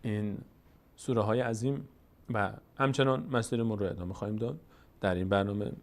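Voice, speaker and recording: A man teaching Quran reading step by step. He is patient and repetitive, answers his own questions, and slowly stretches out sounds when demonstrating them. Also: fairly low pitch, steady tone. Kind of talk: step-by-step recitation lesson.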